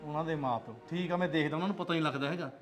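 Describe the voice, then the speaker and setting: An actor playing a stern village father who is strict about his daughter's honor and speaks gruffly in a Punjabi accent. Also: a little high, racing, faint music behind, natural voice. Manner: gruff, commanding, softens to pleading. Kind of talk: village drama acting.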